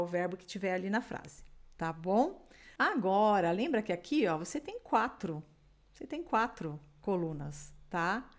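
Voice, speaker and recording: Slow-paced Brazilian woman teaching English. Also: medium pitch, darkish tone. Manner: patient, drills words slowly for repetition. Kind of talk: online language lesson.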